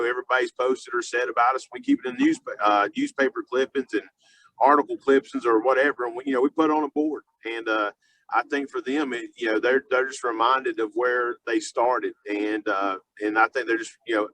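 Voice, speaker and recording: A male football coach talks through an unscripted sports interview. His voice sits at an average pitch, and his sentences come haltingly, padded with fillers and doubled-back phrases. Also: fairly bright tone, low-quality recording. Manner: halting, filler-heavy, repeats and restarts phrases often. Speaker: high school football coach being interviewed.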